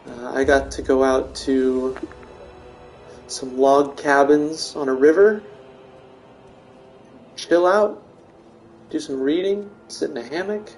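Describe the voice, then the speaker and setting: A man's voice: mid-range voice, steady tone, measured pace, a little mellow, soft background music. A man streaming a video game, chatting casually and joking with his audience in a rambling way. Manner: joking, rambling, talks to chat. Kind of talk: casual live-stream chat while gaming.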